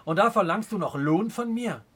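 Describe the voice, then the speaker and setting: A man's voice: high-pitched, lively intonation, a bit bright, husky, pitched above the performer's own voice, full character voice. A man voicing a proud, stern Native chief in an audiobook, speaking in a scornful, commanding way. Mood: angry. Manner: scornful, commanding, slow and weighty. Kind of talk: audiobook character reading.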